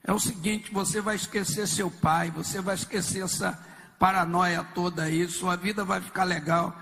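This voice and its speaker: Man acting out a coaxing street youth, slangy, lowered voice, echoey hall. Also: steady tone, moderate pace, creaky, bright, forceful tone, heavily acted. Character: streetwise young man offering drugs, casual and pushy.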